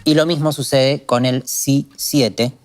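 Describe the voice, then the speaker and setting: A calm, methodical man from Argentina, explaining guitar strumming technique in a lesson. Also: medium pitch, slow. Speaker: guitar teacher. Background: guitar playing.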